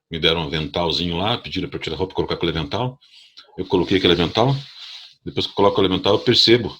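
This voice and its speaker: A man with a southern Brazilian accent telling a personal story to a parish audience in a conversational, halting way. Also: low-pitched, a bit bright, breathy edge. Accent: southern Brazilian Portuguese. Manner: conversational, halting restarts, addresses audience directly. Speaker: lay speaker at a parish gathering.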